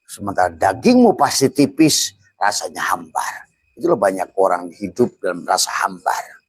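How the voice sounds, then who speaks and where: A man's voice: low voice, very animated, moderate pace, breathy edge, poor audio. An older man giving a spiritual teaching, chuckling often and dropping into whispered asides. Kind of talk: Sufi religious teaching.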